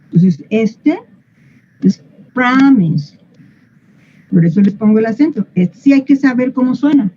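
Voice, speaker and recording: A woman's voice: a little high, animated, normal speed, mellow, dull audio, slight background noise. A woman, explaining English pronunciation to a class in a patient, playful way and asking them questions. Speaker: English teacher.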